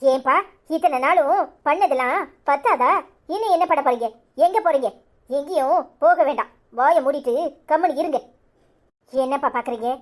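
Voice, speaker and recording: A woman's voice: sits high, natural voice. A woman voicing a bitter, stubborn young married daughter in a cartoon serial, speaking with a Tirunelveli Tamil accent and firing accusing questions. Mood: commanding. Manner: accusing, insistent, rapid-fire questions.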